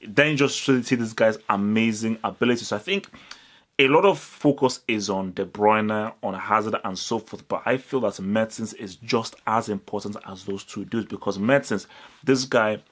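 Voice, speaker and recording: Young man, football vlog, low pitch, animated, repeating words, close mic. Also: moderate pace. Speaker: football channel host. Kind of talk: direct-to-camera football analysis. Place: indoors, small room with curtains.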